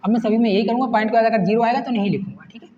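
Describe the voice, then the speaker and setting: A man's voice: very high voice, rapid-fire. A male teacher explaining a problem step by step, putting questions to the class and answering them himself. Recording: echoey room, dull lo-fi sound, faint hiss.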